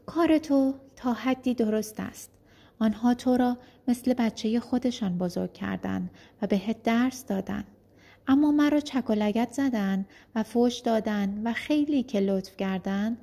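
A woman's voice: fairly high pitch, creaky, mellow. A woman voicing a bitter, defiant young enslaved man who protests angrily.

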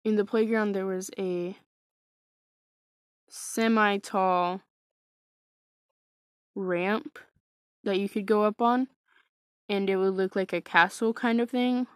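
Slow, hesitant woman telling a story. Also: medium pitch, steady tone, dry recording, clean studio sound. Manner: hesitant, many fillers and restarts; wry, self-mocking. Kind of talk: casual personal storytelling.

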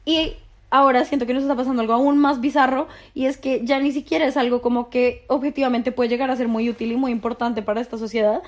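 A woman's voice: high voice, fairly even intonation, fast. A young woman, hosting her own podcast in a rambling, profane monologue full of filler words. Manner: rambling, profane, heavy use of filler "como". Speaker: podcast host.

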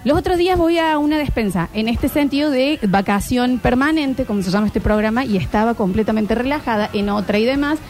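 A woman in her thirties with an Argentine accent, hosting a casual chat and telling stories in an animated way with many filler sounds. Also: on the high side, fairly quick, hardly any pauses, soft background music. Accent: Argentine Spanish. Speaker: streaming show host.

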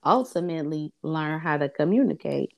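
A woman's voice: sits low, normal speed, gravelly. A woman in casual conversation, talking reflectively and acting out her own past words. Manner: reflective, animated when quoting herself, laughs often.

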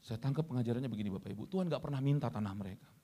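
A man preaching a sermon, addressing the congregation again and again and calling for amens, swinging between loud high emphasis and quiet low asides. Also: rapid-fire. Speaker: pastor.

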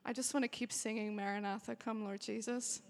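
This worship director, a woman in her forties, welcomes the retreat briskly in a mid-range voice with fairly even intonation. She's warm, chatty and emotional, with bursts of cheering, before a live audience in a large hall with long reverb.

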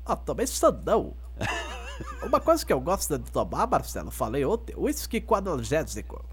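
A man's voice: a little high, wildly swooping pitch, normal speed, slight background noise. A man with a southern Brazilian accent clowning playfully in comic radio banter. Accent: southern Brazilian, Rio Grande do Sul. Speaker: radio show regular. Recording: music bed behind the voice.

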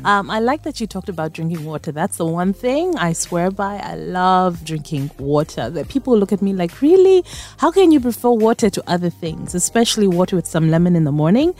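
A woman's voice: fairly low pitch, big pitch swings, brisk, a little mellow. A woman hosting a radio show. She chats casually and playfully with her guest in a studio and laughs easily.

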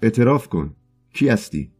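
A man voicing an enraged young male poet who shouts accusations in a storybook reading. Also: fairly low pitch, very animated, husky, soft background music, voice pushed up. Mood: angry shouting.

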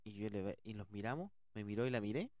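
A man telling a comic personal story in slangy, animated speech. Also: lowish voice, fast, no echo. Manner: animated, loud outbursts, slangy.

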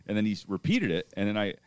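Lively low-voiced man telling a story. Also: smooth. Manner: animated, rambling anecdote with frequent restarts. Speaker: podcast host. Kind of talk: casual podcast storytelling.

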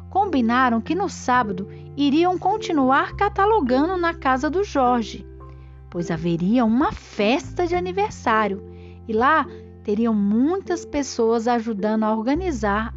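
A woman reading a story aloud to young children in an expressive, careful storytelling manner, addressing them affectionately. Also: high-pitched, highs cut off. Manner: animated, slow and careful, addressing children affectionately as little friends. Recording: music bed behind the voice. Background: background music.

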